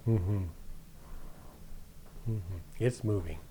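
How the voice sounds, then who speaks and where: A man leading a guided body-awareness session, speaking slowly and gently, echoing back what the other person says. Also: lowish voice, a little hiss or hum. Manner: slow, gentle, reflecting back the other's words. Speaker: focusing guide.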